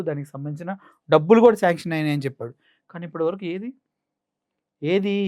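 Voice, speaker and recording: A man's voice: on the high side, darkish tone, no room sound, clean studio sound. A man with a Coastal Andhra Telugu accent giving mocking, sarcastic political commentary. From Andhra Pradesh.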